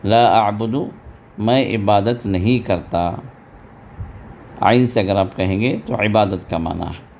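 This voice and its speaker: Low-voiced man teaching Quran recitation. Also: creaky, darkish tone, a little hiss or hum. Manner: patient, explains step by step, chants verses slowly and drawn out. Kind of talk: tajweed lesson with recited examples.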